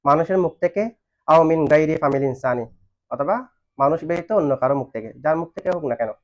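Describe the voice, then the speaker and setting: A man's voice: a little high, fast talker. A man teaching a grammar lesson, asking questions and waiting for students to answer. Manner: asks questions and has students answer back. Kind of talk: classroom lesson on Arabic grammar. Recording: dull lo-fi recording.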